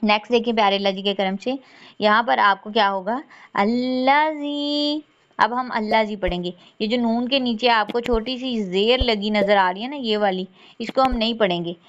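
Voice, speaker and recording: A woman teaching Quran recitation rules patiently, saying words slowly and repeating them. She often checks in with "theek hai" and. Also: medium pitch, a bit bright. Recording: dull lo-fi sound.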